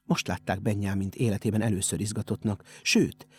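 A man narrating an audiobook in a steady storytelling manner. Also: on the low side, breathy edge. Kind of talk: scripted narration.

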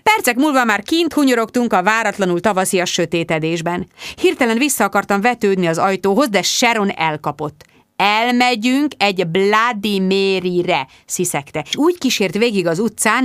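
A woman's voice: medium pitch, expressive, dry recording, clean studio sound. Woman reading a comic diary aloud. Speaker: audiobook narrator. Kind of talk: scripted first-person diary narration.

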